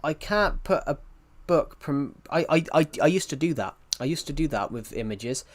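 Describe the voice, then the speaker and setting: A man streams live from his PC at home, rambling casually as he reads and answers chat messages out loud. His voice is fairly high and animated, at normal speed, with a thick accent that hits the R sounds hard.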